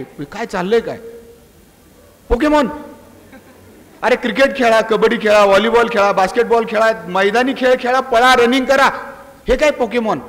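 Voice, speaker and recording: A middle-aged man with a high voice lectures students in a big hall, and the long reverb rings after each phrase. He speaks as a police inspector, pressing them with rhetorical questions and half-scolding appeals. The delivery is a lively public speech. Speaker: police inspector giving a talk. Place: college auditorium.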